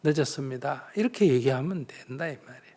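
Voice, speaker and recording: A man's voice: high voice, normal speed. A man, a Buddhist monk answering questions in a dharma talk, teaching through rhetorical questions and small acted-out dialogues. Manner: lively rhetorical questions, acts out little dialogues.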